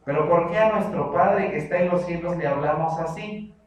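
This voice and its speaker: A man's voice: fairly high pitch, normal speed, heavy reverb, far from the mic, low-quality recording. A man with a Mexican accent preaching a sermon as pastor, emphatic and repetitive, mimicking how people pray. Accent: Mexican Spanish.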